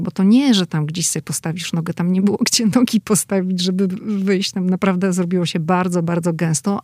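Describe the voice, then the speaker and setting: A woman reporter talking casually and with animation about an event she attended, quick to push back in discussion. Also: fairly low pitch, vocal fry, a little mellow, husky, no echo, clean studio sound. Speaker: correspondent.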